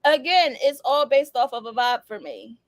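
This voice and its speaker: High-voiced laughing woman hosting. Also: big pitch swings, normal speed, no room sound. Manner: laughs often, slangy and loose. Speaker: podcast host. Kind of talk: casual chat.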